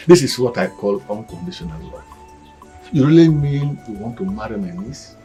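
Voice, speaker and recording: An actor playing a pleased, generous middle-aged uncle, speaking slowly. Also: male voice, mid-range voice, animated, warm tone, faint music behind, lightly acted. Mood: approving. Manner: slow, approving. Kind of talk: Nollywood film acting.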